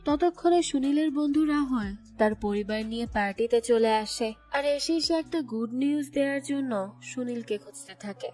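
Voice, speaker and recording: A woman narrating a movie plot as a steady, scripted storytelling recap. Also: high voice, a little fast, few pauses. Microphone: voice-over. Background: soft background music.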